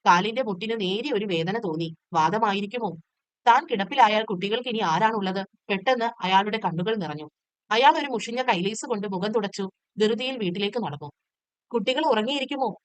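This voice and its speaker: A woman tutor reading a textbook short story aloud in a steady, measured storytelling way. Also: mid-range voice, dry recording.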